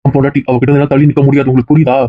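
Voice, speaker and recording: A woman's voice: extremely low pitch, level tone, very fast, no room sound, narrow, tinny audio. A woman playing an angry young husband in a family drama skit, heated and threatening. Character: young husband defending his wife, angry.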